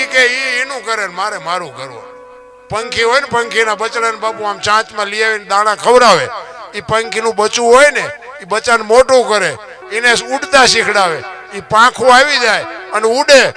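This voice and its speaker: A high-pitched man delivers a moralizing folk storytelling talk. He preaches, fires off rhetorical questions and slips into half-sung lines. A guitar plays clearly beneath his voice. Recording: clear guitar music under the voice. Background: guitar music playing.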